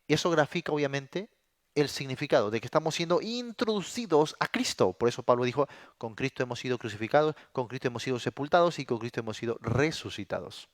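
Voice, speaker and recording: A male pastor teaching from the Bible in a plain, unadorned way, pausing to ask his listeners rhetorical questions. His voice sits at a middle pitch, and the recording is dry and close with little room sound. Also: lively intonation, no room sound. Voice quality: says he suffers from a throat condition. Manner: plain explanatory, asks rhetorical questions, frequent "¿no?".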